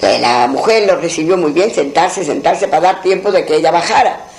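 A man's voice: a little high, normal speed, low-quality recording. A man telling a folk tale aloud in a plain, repetitive storytelling manner, voicing the characters' lines himself.

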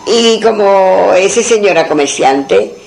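A man's voice: high voice, expressive, takes it slowly, vocal fry, poor audio. A man telling a traditional folk tale in a rambling way, full of asides and restarts. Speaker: storyteller.

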